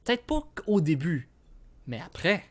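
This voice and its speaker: A man's voice: fairly high pitch, very animated, normal speed. A young man with a Quebec French accent, co-hosting a casual film podcast, hesitant and restarting his sentences often. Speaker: podcast co-host.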